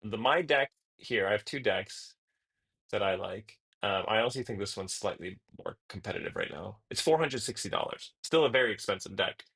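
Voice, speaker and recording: Flustered husky-voiced male streamer. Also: on the low side, expressive, fairly quick, a bit bright. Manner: flustered, laughing, jumps between topics. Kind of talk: casual live-stream chat. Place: indoor room.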